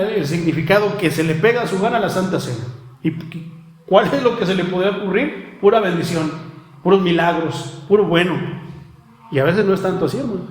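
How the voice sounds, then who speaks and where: A man's voice: sits high, roomy sound. A man, preaching a sermon to a congregation, asking rhetorical questions and calling listeners brother. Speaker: pastor. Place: church.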